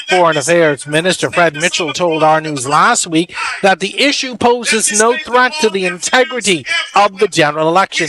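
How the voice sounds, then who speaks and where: Bahamian man, news anchor, high voice, brisk formal read. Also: poor audio.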